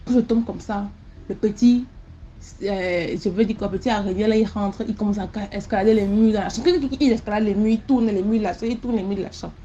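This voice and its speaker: A woman telling a first-person mystical story in an animated way, repeating herself and using sound words, recorded with a slightly dull sound. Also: medium pitch, brisk, a little hiss or hum.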